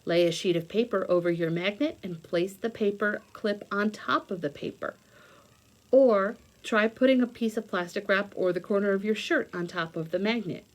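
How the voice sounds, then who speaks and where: A woman with a mid-range voice speaks at a moderate pace, reading aloud to young children and demonstrating as she goes, thinking aloud and explaining things simply, one step at a time. This homemade video has noticeable background noise.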